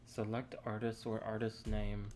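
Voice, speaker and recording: Low-voiced man rambling on a coding stream. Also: flat delivery, a little mellow, slight background noise. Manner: rambling, halting, thinking aloud. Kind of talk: live coding stream chat. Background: keyboard typing.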